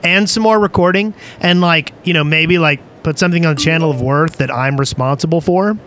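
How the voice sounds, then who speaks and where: A man's voice: a little high, a little fast, a bit bright, slight background noise. A young man co-hosting a live-streamed podcast, joking and laughing often in loose casual talk. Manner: giggly and joking, loose filler-laden talk. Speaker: podcast co-host.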